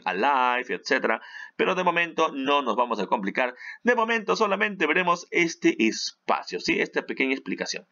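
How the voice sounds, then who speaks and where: A man's voice: mid-range voice, pushed and bright, dull audio. A man, teaching an online English lesson in a chatty way that keeps checking in with the listener. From Peru. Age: 30s.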